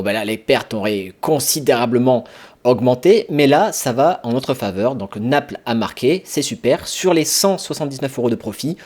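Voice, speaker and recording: A man walks viewers through a trading tutorial in a plain, mid-pitched voice. He explains each step directly to the listener, peppering his talk with casual fillers. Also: a little mellow. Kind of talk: screen-recorded tutorial walkthrough.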